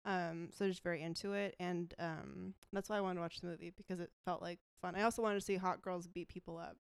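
A woman's voice: on the low side, fairly even intonation, quick pace, clean tone, no echo. A woman co-hosting a casual movie chat, bubbly and full of fillers. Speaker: podcast co-host.

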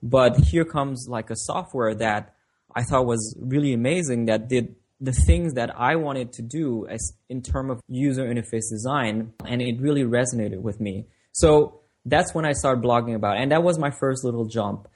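His mid-range voice is a little mellow and slightly rough. A designer and interview guest whose first language is French, he answers casually, pausing often and repeating words as he thinks.

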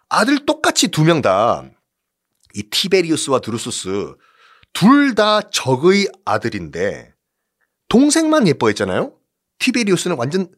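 A man's voice: mid-range voice, a bit bright. A man hosting a history show, telling the story in a playful, theatrical way with rhetorical questions to his listeners. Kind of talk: animated history storytelling lecture.

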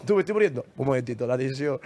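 A man's voice: mid-range voice, very fast. A young man with a Spain Spanish accent telling a story in casual podcast chat, acting out the lines of the people in it and laughing often. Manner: animated, acts out quoted dialogue, laughs often. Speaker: podcast host.

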